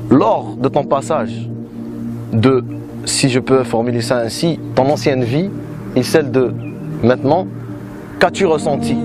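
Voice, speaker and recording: A man interviewing a guest, putting formal questions and sometimes groping for words in the middle of a question. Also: mid-range voice.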